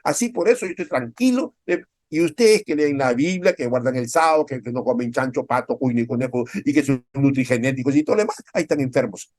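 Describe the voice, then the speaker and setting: A male pastor with a Peruvian Spanish accent, speaking at a middle pitch and preaching in lively bursts. He keeps turning to the listeners with rhetorical questions and acts out the people he quotes in a raised voice. The recording sounds dry and close. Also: quick pace, hardly any pauses, no room sound. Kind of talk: sermon.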